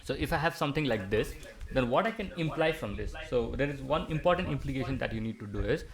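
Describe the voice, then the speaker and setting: Gravelly young teacher. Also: male voice, mid-range voice, animated, fast talker, a crowd in the background. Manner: patient, explanatory, checks in with students often. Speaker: maths teacher. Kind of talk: online class lecture.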